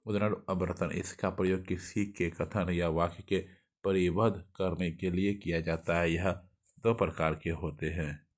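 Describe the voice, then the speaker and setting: A man with a Bihari Hindi accent runs through grammar notes for an exam revision lesson. His voice sits very low. He stumbles, restarts, and keeps checking in with a quick "okay" as he reads. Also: fairly even intonation. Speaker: teacher.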